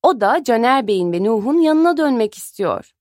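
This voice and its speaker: Brief: high, very animated woman narrator, sing-song children's story reading, dry close mic. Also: moderate pace, no echo. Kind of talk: children's story read aloud.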